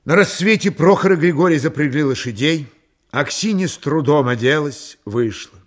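A man narrating a literary audiobook in a calm, measured, unhurried way. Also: a little high.

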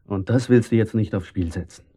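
An actor playing a persuasive man courting a married woman in a radio drama, soft-spoken. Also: fairly low pitch, brisk, breathy edge. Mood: probing. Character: smooth adult male lover calling himself a doctor.

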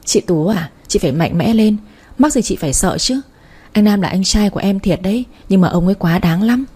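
A woman's voice: mid-range voice, animated, fairly quick, warm tone, husky. A woman voicing a fierce, outspoken young woman who scolds and protects her family, speaking sharply. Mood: firm caring.

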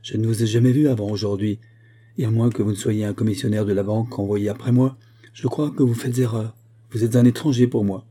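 A man's voice: lowish voice, fairly even intonation, fairly quick, mellow, lightly acted. A man doing a timid, trembling old clerk. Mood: startled. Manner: pleading, trembling. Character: old timid male bank clerk, anxious and gentle.

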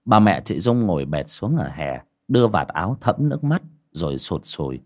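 A man narrating an audio ghost story in a dramatic, expressive reading. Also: low voice, moderate pace.

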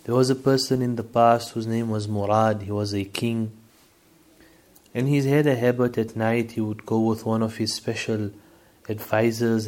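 A man giving a sermon, telling a moral story in a measured, steady way. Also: fairly low pitch. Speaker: Islamic preacher.

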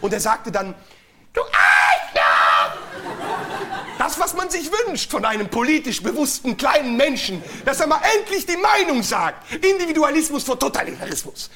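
A male stand-up comedian telling a story on stage, frantic and often shouting, acting out other voices. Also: very high-pitched, very animated, fairly quick, few pauses, background noise.

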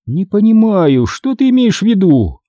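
A man's voice: sits high, sing-song, moderate pace, warm tone, dry recording, clean studio sound, voice pushed up. Man doing a stern grey-haired teacher lady. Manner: strict, snapping. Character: stern older woman schoolteacher, grey-haired.

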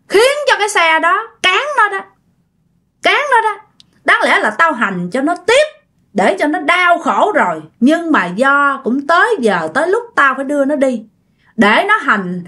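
A woman voicing a vengeful dead woman's ghost that speaks through a possessed woman, shrill and taunting. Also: sharp tone, exaggerated voice. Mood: gloating.

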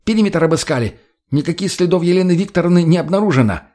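A man voicing an out-of-breath young male soldier who reports loudly and eagerly. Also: high voice, expressive, fast talker, pitched above the performer's own voice. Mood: urgent report. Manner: eager, loud, defensive.

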